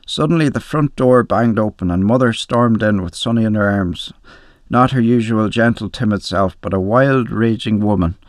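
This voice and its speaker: A man reading a short story aloud, narrating with measured, expressive first-person storytelling. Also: fairly low pitch, no echo, clean studio sound. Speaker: reader.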